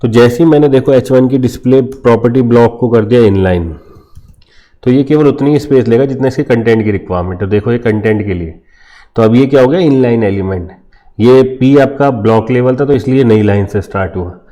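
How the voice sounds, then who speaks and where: Mellow-voiced man teaching a coding lesson. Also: mid-range voice, brisk, lo-fi sound. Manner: explains step by step, asks and answers imagined student questions. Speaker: programming teacher. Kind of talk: screen-share coding tutorial.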